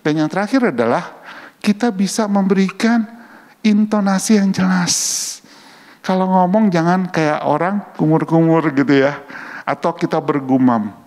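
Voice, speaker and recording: A man giving a conversational church talk on public relations, often checking in with his listeners with quick rhetorical questions. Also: high-pitched, darkish tone. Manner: chatty, keeps asking "ya kan?" to the audience. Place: church hall. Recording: long hall reverb.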